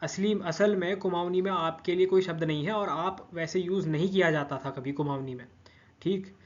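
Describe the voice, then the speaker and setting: A man's voice: high voice, normal speed, highs cut off. A man giving a patient grammar lesson, repeating each word form and checking in with listeners often. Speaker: language teacher.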